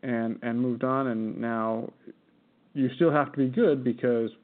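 A man's voice: medium pitch, fairly even intonation, unhurried. Casting: American guy, podcast co-host, rambling laughing storyteller, thin phone-line sound. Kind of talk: casual chat. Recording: tinny phone-like audio.

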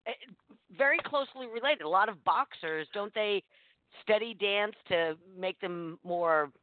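A man's voice: sits high, unhurried. A man hosting a radio interview show, presenting and putting questions to guests. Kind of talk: scripted introduction and casual interviewing. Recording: thin, dry phone-like radio sound.

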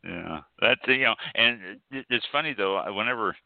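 A man's voice: lowish voice, normal speed, creaky, no room sound. A man hosting a wine show, chatting agreeably and casually with his guest, often affirming what he hears. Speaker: show host. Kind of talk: casual interview chat. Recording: tinny phone-like line, dry.

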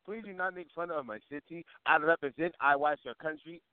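A man's voice: on the high side, brisk, crowd noise. A man calling in to a radio show as a prank, putting on a broad foreign voice and repeating exclamations, heard over a phone line. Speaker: caller.

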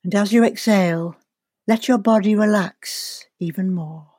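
A woman guides a relaxation and visualization at a very unhurried pace. She is calm and soothing, placing each phrase deliberately and leaving space after it. The sound is close and dry. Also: mid-range voice, dry recording. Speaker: guest leading a guided meditation.

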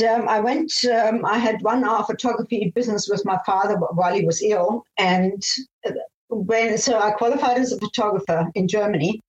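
An older woman from Namibia, a former airline pilot, tells her life story as an interview guest, speaking enthusiastically and often restarting her phrases. Her voice is mid-range, and the audio is reverberant and dull.

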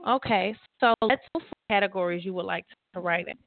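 A woman's voice: mid-range voice, a little fast, creaky, background noise. A woman who leads a group of writers, talking over a phone line from a laptop with headphones, rambling and restarting as she calls her listener girl. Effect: heard over a phone line. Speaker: author and publisher leading a writers' call. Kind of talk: casual call with a writer. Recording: tinny, dry call audio.

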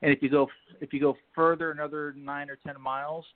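A man's voice: fairly high pitch, flat delivery, quick pace. A man who owns a soccer club, a guest explaining things in casual chat and often restarting his sentences. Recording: tinny phone line.

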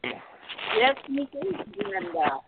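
A female caller phones in to a radio program over a faint, tinny line that sounds like it's coming from inside a tin can. Her medium-pitched voice has a sing-song lilt, and she speaks haltingly, groping for words, with noise in the background.

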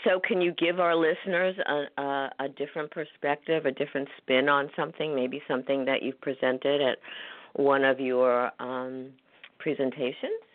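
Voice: mid-range voice, fairly even intonation, moderate pace. Upbeat host who laughs a lot, tinny phone sound, no room echo. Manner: encouraging, laughs often, restarts sentences. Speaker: interview host. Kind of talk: casual interview. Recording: dry, phone-like line.

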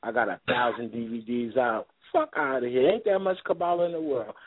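A man's voice: medium pitch, brisk, slightly rough, no echo. A man in his thirties, a guest on a radio show, talking boastfully in profane street slang. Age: 30s. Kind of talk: casual radio talk. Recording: phone-line call-in audio.

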